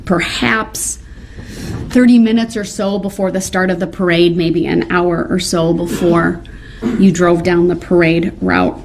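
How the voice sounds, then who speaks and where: A woman speaking as a prosecutor, questioning a defendant in court in a measured, deliberate way. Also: on the low side, steady tone, a little hiss or hum.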